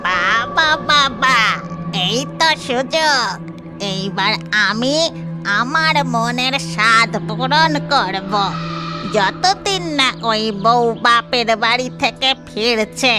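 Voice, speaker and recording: A woman voicing a mischievous, envious female ghost who lives in a tree, drawling slowly and slyly in a cartoon. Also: a little high, animated. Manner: slow, drawling and sly. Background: music.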